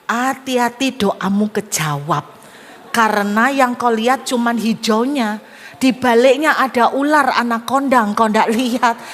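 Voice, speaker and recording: Woman pastor, sermon, animated storytelling, higher voice, long hall reverb. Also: a little slow. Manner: animated storytelling, swings between emphatic and hushed.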